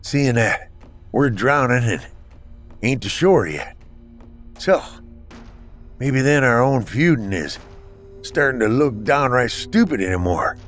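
A man voicing a stern, stubborn male Union army captain with a gruff, measured delivery. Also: mid-range voice, lively intonation, a bit bright, soft background music, voice pushed up. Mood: weary.

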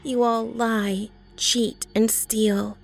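A possessed teenage girl, gravelly, very slow, warped voice, faint music behind. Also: level tone, heavily acted. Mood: menacing. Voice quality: warped, raspy rumble under a girl's voice. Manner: slow, cold, accusing.

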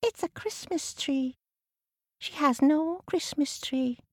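A woman doing a high, sly storybook cat. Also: slow, dry recording, studio quality. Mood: pleased. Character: sly female cat who meows.

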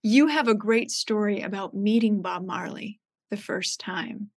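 A woman's voice: medium pitch, unhurried, no room sound, soft background music. A woman hosting an interview, dropping short prompts and reactions to her guest. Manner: short prompting remarks and backchannels. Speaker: interview host. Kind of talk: casual interview chat.

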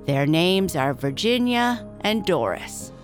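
A woman voicing a large, cheery, kindly father who tells a tale gently in a children's bedtime story. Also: on the low side, very animated, slow, soft background music. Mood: warm reminiscing.

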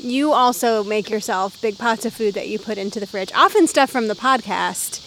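A woman with a fairly high voice banters casually as a podcast co-host in a backyard. She is playful and dryly self-deprecating, with a clear chorus of insects and frogs around her. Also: moderate pace, low-quality recording. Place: outdoors in a backyard at home. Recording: outdoor recording with clear insect noise. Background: loud chorus of cicadas, some frogs.

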